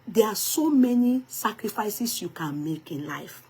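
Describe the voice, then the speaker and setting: A woman's voice: medium pitch, lively intonation, a little slow, warm tone, husky. A woman with a Nigerian accent giving emphatic gossip commentary in a vlog, slipping into pidgin and Yoruba phrases. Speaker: vlogger.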